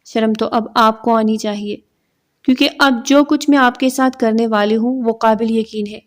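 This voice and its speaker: A woman's voice: fairly high pitch, fairly even intonation, close to an everyday voice. A woman reading a story aloud, voicing a scheming young woman who turns coy and theatrical. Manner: coy, then shrieking for help.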